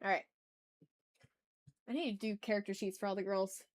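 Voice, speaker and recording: A woman with a mid-range voice, steady tone, and moderate pace runs a relaxed art livestream. She talks through her thoughts as she draws, chatting with viewers in gushing, informal slang.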